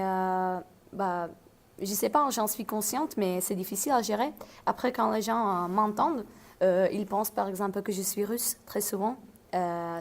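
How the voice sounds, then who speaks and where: Young student with a Czech accent, gravelly fry, hesitant radio guest. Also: female voice, mid-range voice. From Czech Republic. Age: young adult. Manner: hesitant, many fillers. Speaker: language student. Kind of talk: radio interview answers.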